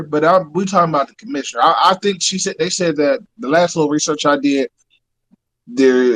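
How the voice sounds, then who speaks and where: A man with a slightly raised pitch co-hosts a sports talk show. He speaks loosely and with slang, dropping "like" and "bro" between thoughts. His delivery is lively and casual. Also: poor audio. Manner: slangy, animated, fillers like "like" and "bro". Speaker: podcast co-host.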